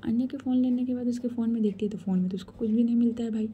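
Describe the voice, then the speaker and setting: A woman storyteller narrating a romance in a soft, intimate, conversational whisper. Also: fairly high pitch, steady tone, racing, phone-quality sound, slight background noise.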